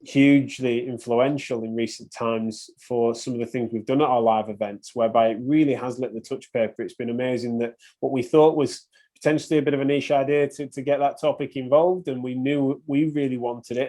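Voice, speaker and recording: A man's voice: mid-range voice, fairly even intonation, fairly quick. A man hosting a podcast interview, enthusiastic and prone to restarting his sentences. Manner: hesitant restarts, warm enthusiasm. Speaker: podcast host.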